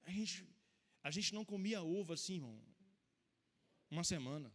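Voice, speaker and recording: A man's voice: high-pitched, lively intonation. A Brazilian pastor preaching a sermon, telling his own story with emotional, emphatic swings in volume. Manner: emotional storytelling preacher, rising to loud, slow emphatic lines. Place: church hall. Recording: long church-hall reverb.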